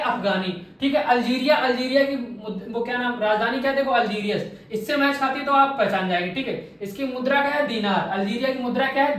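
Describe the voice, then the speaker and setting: A man running an exam-prep class poses quiz questions, answers them himself, and drills each answer through repetition. His voice is very high with a fairly bright tone. He sounds far from the mic in a very echoey room.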